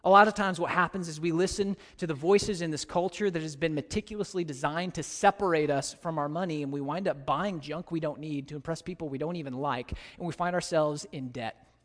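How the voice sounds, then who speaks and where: A man with an American accent preaching a sermon as a pastor, telling stories with big animated swings in pitch. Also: brisk. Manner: animated storytelling, pitch leaping high in anecdotes. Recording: long reverb of a large hall.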